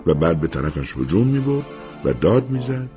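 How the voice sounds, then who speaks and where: A man's voice: low voice, sing-song, dark tone, soft background music. A man narrating a story in an audiobook, reading expressively.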